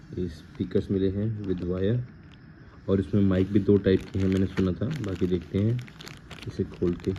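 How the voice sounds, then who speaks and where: A low-voiced Indian man who vlogs gear reviews gives an easygoing unboxing and installation walkthrough, slipping informally between Hindi and English. The audio is muffled and lo-fi, with quiet noise in the background.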